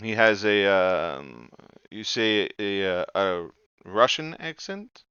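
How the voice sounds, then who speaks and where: A man running a tabletop game as game master, halting with fillers, on a dull, lo-fi recording. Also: on the low side, expressive, pushed and bright, clean tone, no echo. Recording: dull lo-fi dry sound.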